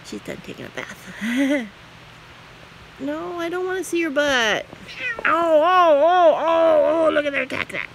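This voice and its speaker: A woman's voice: medium pitch, background noise. A woman at home filming her cat, talking to it in playful baby talk and mewing back at it. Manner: playful, laughing, coos and meows at the cat. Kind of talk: casual baby-talk to a pet. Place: home, indoors.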